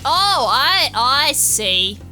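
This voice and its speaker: A woman with an Australian accent giving chatty, excitable let's-play commentary and poking fun at herself. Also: sits high, extremely slow, soft background music. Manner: excitable, chatty, self-mocking. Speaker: gamer.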